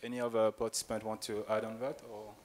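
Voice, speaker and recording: A man moderating a panel, calm and brief. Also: fairly low pitch, quick pace.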